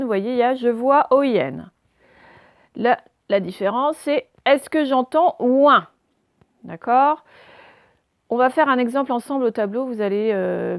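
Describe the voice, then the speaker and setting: A woman's voice: mid-range voice, vocal fry, dry recording. Patient woman teaching phonics. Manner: patient, spells out letters slowly. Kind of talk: phonics lesson for children.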